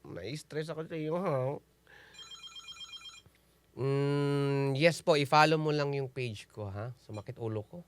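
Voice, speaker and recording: A man's voice: mid-range voice, slow pace, pauses often, a little hiss or hum. A man hosting a call-in radio show, teasing callers and laughing often. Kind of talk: playful call-in radio banter. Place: radio studio.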